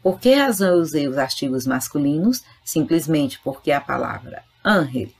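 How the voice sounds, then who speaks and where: A woman's voice: low-pitched, animated, moderate pace, creaky, darkish tone, husky. A woman teaching a grammar lesson, explaining patiently and speaking directly to her students. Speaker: Spanish teacher. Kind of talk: recorded online grammar lesson.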